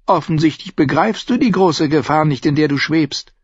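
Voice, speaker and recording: A male audiobook reader voicing a sardonic, worried nobleman who speaks urgently in a raised, husky voice. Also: on the high side, moderate pace, dry recording, pitched above the performer's own voice. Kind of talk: audiobook character voice. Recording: dull lo-fi dry recording.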